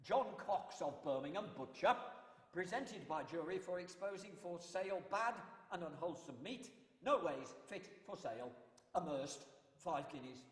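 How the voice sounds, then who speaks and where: A man's voice: sits high, expressive, moderate pace. Man doing a pompous town crier, ringing hall echo. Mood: stern, pompous. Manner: town crier's loud ceremonial proclaiming. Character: old-time male town crier bellowing proclamations, pompous and formal. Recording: echoey hall with long reverb.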